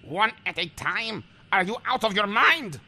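A man's voice: high-pitched, expressive, unhurried, sharp tone, heavily acted. A man playing an impatient, demanding boss who barks orders. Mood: incredulous. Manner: barking, bossy, exasperated.

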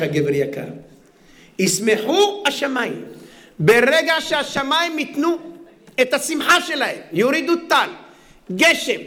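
A man gives a humorous sermon, spinning a joke story with animated delivery and frequent laughter. His voice is high and bright. He shifts easily between teaching and storytelling. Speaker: preacher.

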